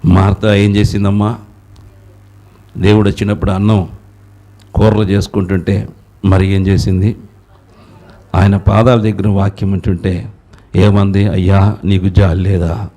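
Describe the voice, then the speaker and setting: A man with a Telugu accent preaching a sermon, passionately exhorting his listeners and often rising to loud, high-pitched appeals. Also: little pitch movement, unhurried, long pauses.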